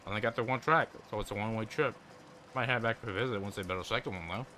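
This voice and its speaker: Guy reading lines for a friendly hobo in a game, folksy easygoing talk, bright lowish voice. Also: very fast, slight background noise. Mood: chatty. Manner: folksy, easygoing drawl, rural turns of phrase. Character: cheerful drifting hobo man, friendly and folksy.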